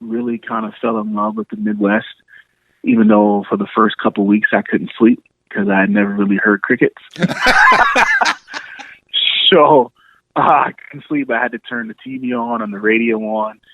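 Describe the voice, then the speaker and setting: A man's voice: fairly low pitch, normal speed, vocal fry. A man in his thirties from New York City, telling stories with easy laughs in a casual phone chat. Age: 30s. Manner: relaxed storyteller, laughs often. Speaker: podcast guest. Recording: tinny phone line.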